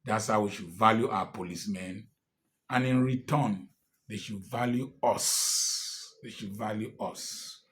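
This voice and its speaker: Speaking at an unhurried pace in a lowish, fairly bright voice, this Nigerian-accented man in his sixties gives a fiery political speech as a commentator. He is emphatic and defiant, and his delivery builds into angry outbursts.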